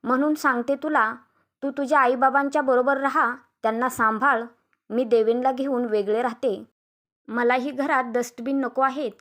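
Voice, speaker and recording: A woman voicing a fed-up young daughter-in-law, speaking in sharp, indignant outbursts. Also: a little high, steady tone, normal speed, natural voice. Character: fed-up young daughter-in-law demanding her own space.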